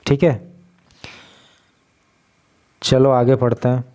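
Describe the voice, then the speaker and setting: His voice sits at a medium pitch, mellow and clean, with a flat delivery. The man, from India, uses Hindi to teach English vocabulary, explaining newspaper words one by one in a slow, patient manner.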